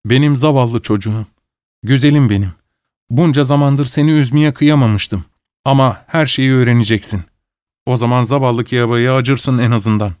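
A man reading a story aloud, voicing a fearful, remorseful young husband in a lowered, grave and subdued tone. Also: normal speed, a little mellow, dry recording, studio quality, natural voice. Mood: despairing. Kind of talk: audiobook character voice.

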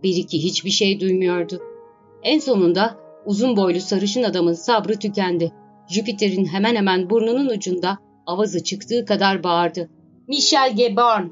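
A woman reading a classic novel aloud as an audiobook narrator, in a steady storytelling manner. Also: mid-range voice. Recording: dull lo-fi recording with faint music.

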